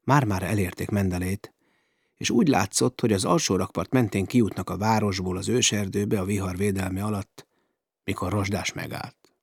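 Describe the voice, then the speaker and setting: A male narrator reading an adventure novel with dramatic storytelling. His low, husky voice sits close and dry, with no room around it. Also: no echo. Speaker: audiobook narrator. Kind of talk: scripted narration.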